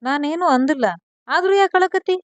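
A woman voicing a gruff but worried young village husband with a North Karnataka accent, talking bluntly in rustic questions. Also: a little high, normal speed, no echo, muffled recording, lightly acted. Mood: alarmed. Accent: North Karnataka Kannada.

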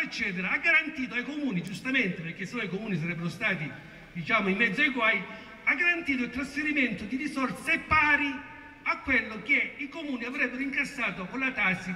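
A man with a southern Italian accent from Salento giving a booming, declamatory political speech at an outdoor rally. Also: bright, forceful tone. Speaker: local politician addressing a rally. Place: open town square at night, far from the camera. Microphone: distant phone camera picking up the speech. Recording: echoey, distant, noisy outdoor phone recording.

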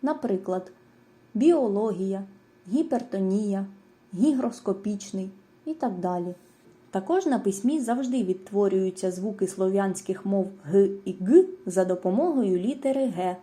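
A woman reading a scripted lesson, going through lists of example words in a clear, measured way. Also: medium pitch, lively intonation, mellow. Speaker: teacher. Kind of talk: scripted educational narration.

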